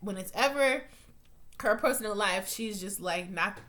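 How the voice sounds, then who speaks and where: Woman, casual TV recap vlogger; rambling, profane, opinionated delivery at a mid-range pitch. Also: normal speed, a bit bright.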